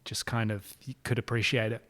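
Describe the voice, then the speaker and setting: A man in his thirties, born in France and raised in England, Dubai and New Zealand, talks through a casual podcast interview in his shop, relaxed and rambling, with many fillers and restarts. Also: on the low side, brisk. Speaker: guest, shop owner.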